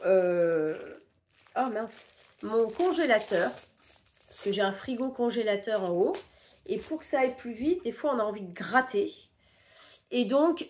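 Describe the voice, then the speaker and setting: Chatty French woman, a little high-pitched, sick and stuffy, casual haul talk at home. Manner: chatty, rambling, many fillers. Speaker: vlogger showing a shopping haul. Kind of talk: casual haul chat to camera.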